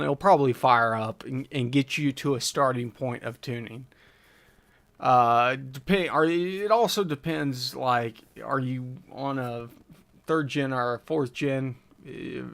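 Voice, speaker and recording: A man's voice: medium pitch, vocal fry, fairly bright tone. A man hosting a live stream, casually reading out viewer questions and thinking aloud through his answers with frequent fillers. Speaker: livestream host answering chat questions on engine tuning. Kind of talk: casual livestream chat.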